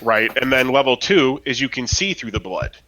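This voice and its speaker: A man's voice: mid-range voice, animated, normal speed, pushed and bright, a little hiss or hum, rough recording. A man chatting casually on a podcast about a role-playing game, rambling with lots of fillers and tag questions. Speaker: podcast co-host.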